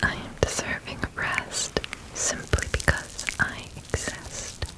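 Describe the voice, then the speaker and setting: Nurturing garden fairy female performer for whispered role-play: tender, affirming, very slow, fully whispered. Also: lightly acted. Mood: soothing, tender. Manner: soothing, affirming, slow and deliberate. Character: gentle nurturing fairy tending an inner-child garden. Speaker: ASMR performer.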